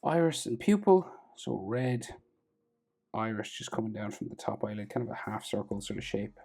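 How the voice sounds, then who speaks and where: Casual drawing tutor: husky, low-key mellow tone, halting think-aloud delivery. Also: animated. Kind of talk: casual step-by-step drawing instruction. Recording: background noise and music.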